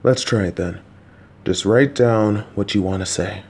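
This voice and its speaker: A fairly low, somewhat mellow male voice, a little slow, carries a faint hiss or hum. He is a voice actor in an audio roleplay aimed at the listener, calmly coaxing as a patient, supportive, slightly clueless middle-aged dad who reassures his child with jokey asides.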